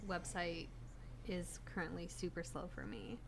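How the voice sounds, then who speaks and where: A woman's voice: lowish voice, measured pace, vocal fry, background noise. A woman from Wisconsin with a Wisconsin accent, playing a tabletop game, giggly and swearing freely. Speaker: player. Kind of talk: casual tabletop play.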